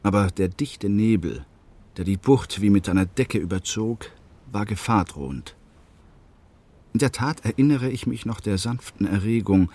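A man reading a literary novel aloud as a narrator, in a measured, earnest storytelling manner with a husky voice. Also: fairly low pitch, a little mellow, a little hiss or hum. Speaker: audiobook narrator.

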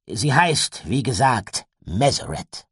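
A man's voice: mid-range voice, sing-song, slow, slightly rough, no room sound, clean studio sound, pitched above the performer's own voice, full character voice. A man reading an audiobook, voicing a stern, secretive uncle who commands in a raised voice.

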